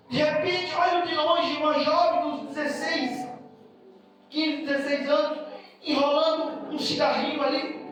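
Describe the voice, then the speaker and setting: Mineiro pastor guy preaching, emotional, shouts now and then, far from the mic with music playing. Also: extremely high pitch, heavy reverb. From Brazil. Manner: emotional storytelling, bursts into shouting. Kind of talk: sermon.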